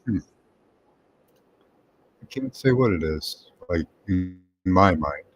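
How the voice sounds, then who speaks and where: A man giving unhurried, tentative commentary over images, thinking aloud with pauses and hums. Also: low-pitched, animated, dry recording, muffled recording. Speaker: remote viewing presenter.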